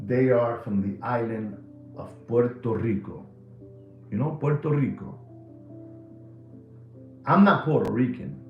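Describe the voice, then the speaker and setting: A man in his sixties from New York City hosts a live watch podcast, rambling through animated, jokey stories packed with slang. His voice is on the low side, and the recording is reverberant with the highs cut off.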